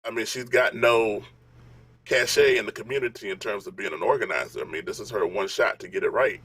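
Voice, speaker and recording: A man co-hosting a casual panel podcast, speaking in a measured, reflective way. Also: fairly low pitch, fairly bright tone, breathy edge, rough recording. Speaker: podcast co-host.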